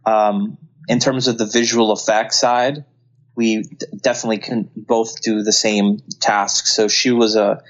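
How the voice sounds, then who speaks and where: Speaking at a measured pace in a fairly low, level voice, this Colombian filmmaker and CGI artist is a guest in an informal interview. He talks earnestly and keeps restarting sentences, and the audio sounds dull.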